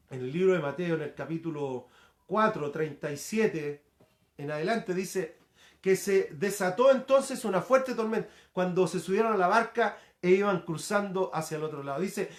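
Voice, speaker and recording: Animated preaching man, roomy echo. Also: sits high. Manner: animated preaching, repeating phrases for emphasis, acting out quoted voices. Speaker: pastor. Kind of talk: sermon.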